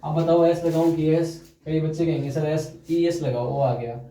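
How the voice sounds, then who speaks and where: A man teaching English grammar, dictating example sentences slowly and quizzing students with repeated questions. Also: on the high side, mellow. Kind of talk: classroom grammar lesson. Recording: echoey room, far from mic.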